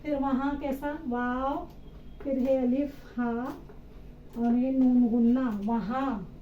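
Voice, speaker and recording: A woman's voice: high-pitched, steady tone, slow, slight background noise. A woman teacher giving a step-by-step reading lesson for children, patiently spelling out letters and answering her own questions. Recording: roomy, slightly dull recording with faint ambience.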